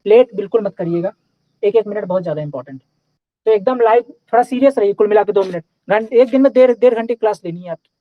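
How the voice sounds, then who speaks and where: A man's voice: high-pitched, fast, no room sound, phone-quality sound. A young man teaching a live online class in a casual, chatty way, often checking in with his students.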